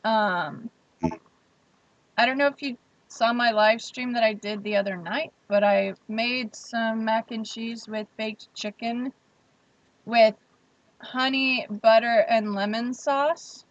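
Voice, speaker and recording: A woman's voice: on the high side, steady tone, slow pace, dry recording. Chatty young woman streaming, lo-fi sound. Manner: chatty, reads viewer comments aloud. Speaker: livestream host. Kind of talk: casual livestream chat.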